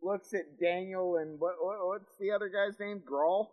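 A man's voice: sits high, steady tone, moderate pace. A man playing a tabletop role-play game, narrating his character's moves and lines. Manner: narrates his character's actions, then speaks her lines stiffly. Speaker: player. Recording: dull, echoey long-reverb sound.

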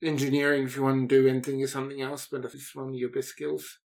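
A man narrating a tabletop game as game master, halting and thinking aloud. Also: mid-range voice, flat delivery, gravelly.

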